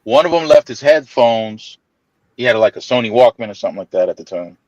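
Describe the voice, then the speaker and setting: A man telling a long family story in casual chat, laughing often, stammering over restarts and jumping into high voices to mimic people. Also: animated, fairly quick, a little mellow, no echo, highs cut off.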